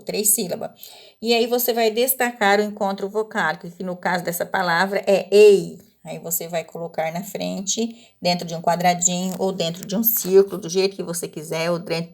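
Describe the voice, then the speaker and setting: Patient woman teacher walking through a worksheet. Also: medium pitch. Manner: patient, slow and explanatory, stretching out example words; often checks in with a tag question. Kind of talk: recorded Portuguese lesson walking through a worksheet.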